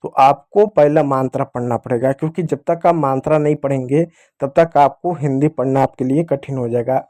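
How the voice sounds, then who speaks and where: A man's voice: medium pitch, normal speed, dark tone. A man teaching a beginner Hindi reading lesson, patiently repeating key points and talking to his viewers as children while he writes with a pen. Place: teaching at a board or screen with a pen.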